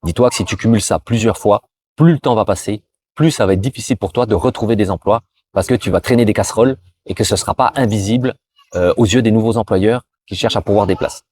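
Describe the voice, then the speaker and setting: Low-voiced French man giving advice. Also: fast talker, darkish tone, slightly rough. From France. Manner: talks directly to viewer, frequent restarts and repetitions. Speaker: career advice video host. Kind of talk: informal advice monologue.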